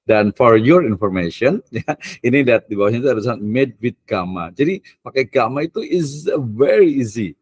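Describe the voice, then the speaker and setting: A man's voice: medium pitch, lively intonation, fairly quick, dry recording. A male university lecturer giving a casual, joking lecture, with chatty filler tags and English phrases mixed in.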